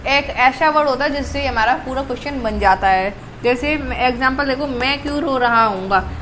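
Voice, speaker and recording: A woman, her voice sitting high, walks through a grammar lesson. She fires off questions and answers them herself, catching and fixing her own slips. A faint background noise runs under her voice. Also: fairly bright tone, low-quality recording. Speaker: English grammar teacher. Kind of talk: classroom-style grammar lesson.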